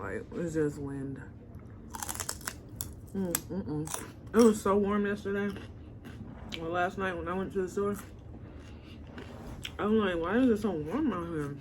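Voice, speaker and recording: A woman's voice: on the low side, a little mellow, slight background noise. Chatty woman eating between remarks. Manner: chatty, talks between bites with murmurs of enjoyment. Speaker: mukbang host. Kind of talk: casual eating-show chat.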